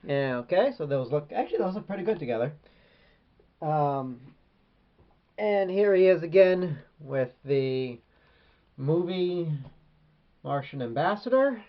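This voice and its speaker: A man's voice: fairly high pitch, animated, a little slow, pauses often, muffled recording. A man reviewing an action figure in a casual, rambling way with many hesitations. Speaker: toy collector reviewer.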